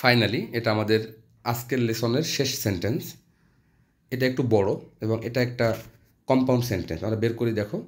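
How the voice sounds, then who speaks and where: A man teaching an English grammar lesson to students, moving between Bengali and English as he reads sentences slowly and explains them. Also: mid-range voice.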